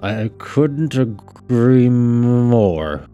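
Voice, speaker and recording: A man voicing a brooding, volatile scarred man who speaks slowly and haltingly. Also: medium pitch, lively intonation, mellow, dull audio, faint music behind, pitched above the performer's own voice. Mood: measured. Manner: slow, halting, drawn-out speech.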